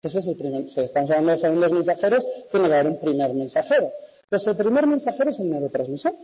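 A man's voice: fairly high pitch, animated, quick pace, mellow, breathy edge. A man with a Spanish accent from Spain lecturing conversationally in an echoing classroom, often checking that students follow. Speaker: university lecturer. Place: large echoey classroom. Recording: echoey classroom, long reverb, dull sound.

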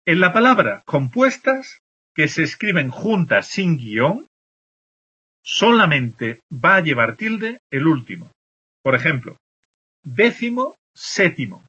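A male teacher from explains the rules for written marks, saying example words slowly and checking in with the class again and again. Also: a little high, sing-song, pushed and bright, husky. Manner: explains patiently, checks in with constant "¿de acuerdo?". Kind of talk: spelling lesson explaining accent marks. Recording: dull lo-fi recording.

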